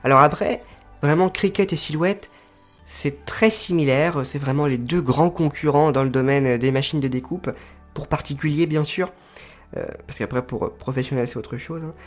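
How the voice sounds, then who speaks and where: A man explaining crafting tools casually to his viewers, hesitant and pausing often to search for words. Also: a little high, soft background music. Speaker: crafting video creator. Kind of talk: casual explanatory talk to camera.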